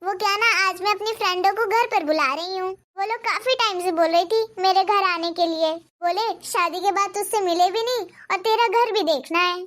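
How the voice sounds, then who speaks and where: A woman's voice: very high-pitched, brisk, few pauses, fairly bright tone. A woman voicing a spoiled, scheming young wife in a Hindi cartoon, bossy and boastful.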